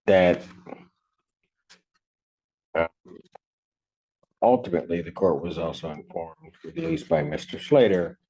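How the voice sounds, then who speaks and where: A man presiding as judge in a courtroom recording, speaking formally and haltingly with frequent pauses and filler sounds. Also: sits low, big pitch swings, creaky, warm tone. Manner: measured, halting, many ums. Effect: courtroom audio recording. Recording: muffled courtroom recording, faint hiss.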